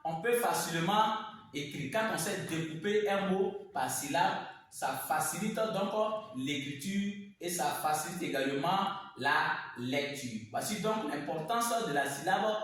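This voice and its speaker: A man teaching a reading lesson, explaining slowly and repeating words syllable by syllable at the board. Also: a little high, animated, fairly bright tone. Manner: slow, repetitive, spells words by syllables. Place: classroom with a board. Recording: echoey room, mic far off.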